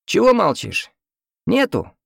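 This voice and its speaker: A man's voice: high voice, wildly swooping pitch, unhurried, gravelly, fairly bright tone, breathy edge, no room sound, studio quality, pitched above the performer's own voice, exaggerated voice. A man voicing a talkative, grumbling old man in a hospital ward, folksy and fussy. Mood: chatty. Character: chatty old male hospital patient, grumbling.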